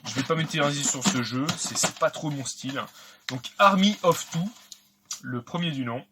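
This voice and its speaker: A man's voice: fairly high pitch, animated, normal speed, noisy background. A man casually talking through an unboxing of video games, chatty and hesitant with many fillers. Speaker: video game collector vlogger.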